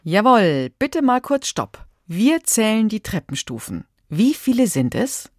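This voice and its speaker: A woman's voice: medium pitch, big pitch swings, a little slow, a little mellow, no room sound, clean studio sound. A woman hosting a children's quiz, playful and musing over the answers. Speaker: quiz host. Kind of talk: chatty quiz commentary.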